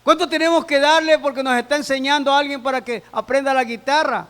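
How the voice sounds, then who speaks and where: A man's voice: extremely high pitch, steady tone, quick pace, bright, forceful tone. A male pastor preaching a sermon to his congregation, with repetition and rhetorical questions. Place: church sanctuary. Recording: long reverb in a church hall.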